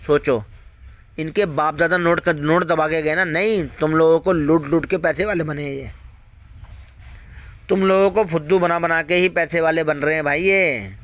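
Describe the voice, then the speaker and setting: A man's voice: fairly high pitch, fairly even intonation, normal speed, fairly bright tone, no room sound. Angry, foul-mouthed man ranting. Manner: heated, repetitive, heavily profane; hammers home points with rhetorical questions. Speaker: video host warning viewers. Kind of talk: angry ranting monologue to viewers.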